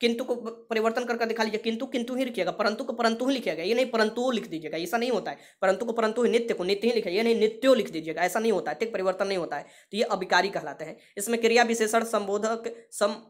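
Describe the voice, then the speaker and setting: A woman's voice: on the high side, fast, few pauses. A woman teacher giving an exam-prep grammar lesson, repeating key terms and asking her students questions. She drops English words into her explanation.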